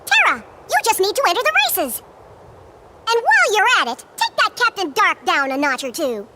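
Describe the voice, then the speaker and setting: Tiny male chipmunk for a cartoon game: piercingly high, squeaky, cheerful, excitable, lively swoops. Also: normal speed, very noisy. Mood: excited, cheerful. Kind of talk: animated video game voice acting.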